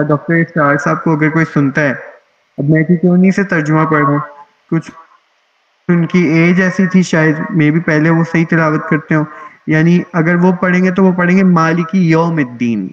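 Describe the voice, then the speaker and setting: A man's voice: a little high, highs cut off. A man teaching an online class on Quran recitation rules, explaining patiently and checking in with his students often.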